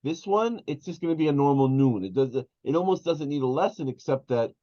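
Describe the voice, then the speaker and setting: A man teaching an Arabic class, explaining slowly with many fillers and restarts. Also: a little high, expressive, warm tone. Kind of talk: online class lesson. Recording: dull lo-fi sound.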